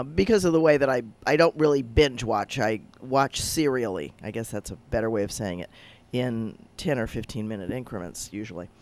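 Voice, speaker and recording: A man, a rabbi, chatting casually on a radio talk show over a video link, rambling and hesitant with lots of fillers. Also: mid-range voice.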